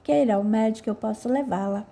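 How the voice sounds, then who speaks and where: A woman voices a kind young man from a spoken novel, gentle and reassuring. The tone is very dark and mellow and sits a bit high. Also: a little fast, vocal fry. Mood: calm, caring.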